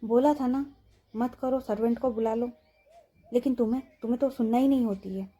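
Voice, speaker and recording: A bossy young woman snapping orders and scolding, as a woman storyteller puts her on. Her voice sits fairly high yet sounds very mellow and husky, pushing up in volume. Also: normal speed, natural voice. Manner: scolding, louder and higher than the narration. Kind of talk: storytelling role-play.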